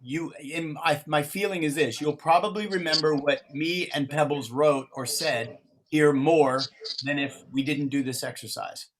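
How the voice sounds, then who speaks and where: Over a video call, a man running an improv workshop walks participants through an interactive exercise one step at a time, encouragingly. His voice is a little high and moderately paced, captured on a video call microphone with poor audio and slight background noise.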